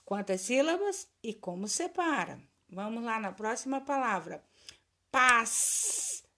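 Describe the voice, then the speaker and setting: A woman's voice: on the high side, sing-song, moderate pace. A woman teacher giving a recorded lesson for children, drilling words in a patient sing-song and praising her pupils.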